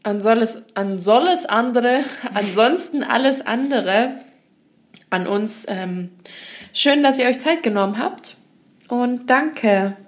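A woman's voice: on the high side, animated, takes it slowly. A young woman co-hosting a podcast, teasing in a mock-dramatic, sulky way. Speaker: podcast co-host. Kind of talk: casual chat.

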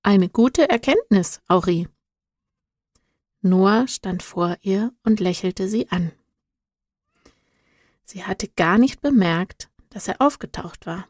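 Slow, calm woman storyteller. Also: medium pitch, no echo, clean studio sound. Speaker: narrator. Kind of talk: storybook reading.

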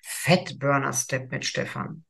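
A man co-hosting a casual podcast, telling stories with lively acted-out voices. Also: medium pitch, takes it slowly, creaky. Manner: animated storyteller, acts out quoted voices. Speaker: podcast co-host. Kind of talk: casual chat, storytelling.

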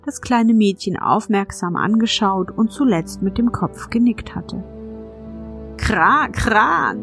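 A woman hosting a children's podcast, telling a fairy tale in a gentle, hushed bedtime voice. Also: mid-range voice. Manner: soft, warm and hushed, addressing a child. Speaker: podcast host and storyteller.

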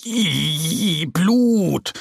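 A man's voice: medium pitch, very animated, slow pace, vocal fry, a bit bright, slightly rough, dry recording, studio quality, full character voice. Man voicing a curious little bear cub. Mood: eager. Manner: whiny and eager.

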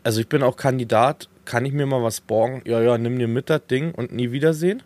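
A man's voice: mid-range voice, fairly quick, darkish tone, no room sound. A man co-hosting a casual podcast, laid-back and teasing in conversation. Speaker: podcast co-host. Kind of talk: casual chat.

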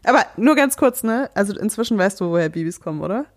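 A woman's voice: mid-range voice, lively intonation, fast talker. A woman cohosting a casual podcast, teasing and laughing often. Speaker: podcast co-host.

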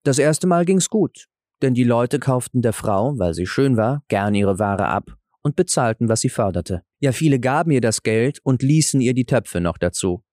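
A man narrating a fairy tale audiobook in a calm, measured storytelling manner. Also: mid-range voice, no room sound, studio quality.

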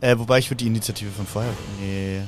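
A man running a tabletop game as game master, talking in a halting way with many fillers. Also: steady tone, soft background music. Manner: hesitant, many fillers, jumps into high shouted character voices.

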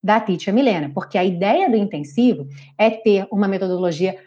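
A woman with a Brazilian Portuguese accent runs a live online English lesson. She drills each sound patiently and repeats words slowly so learners can copy her. The stream audio is dull and lo-fi. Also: medium pitch, lively intonation, warm tone. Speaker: English teacher.

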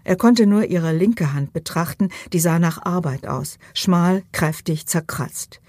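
A woman narrating an audiobook in a calm, even storytelling manner. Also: fairly low pitch, a little slow, dry recording. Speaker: audiobook reader.

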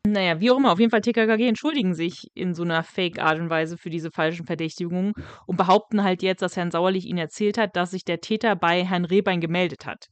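Smooth-voiced female podcast co-host. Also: lowish voice, quick pace, few pauses, no room sound. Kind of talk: casual podcast chat.

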